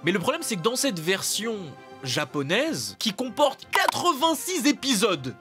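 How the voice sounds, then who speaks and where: A man's voice: sits high, wildly swooping pitch, unhurried, pushed and bright, soft background music. A young man presenting anime trivia to his viewers in a casual joking video, slangy and playfully indignant.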